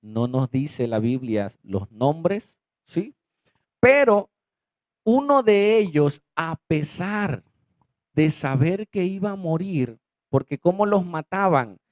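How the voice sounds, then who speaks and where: A male pastor with a Mexican Spanish accent preaching a sermon, swinging between loud emphatic lines and quiet low asides. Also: very animated, slow pace, dry recording. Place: church.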